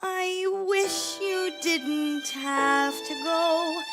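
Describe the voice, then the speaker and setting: Woman playing a very high-voiced cartoon princess. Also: very slow, full character voice. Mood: wishful. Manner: cartoon princess voice, theatrical and wishful. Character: young cartoon princess, sweet and earnest. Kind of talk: musical theatre parody performance, spoken and sung. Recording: stage show, music and crowd behind.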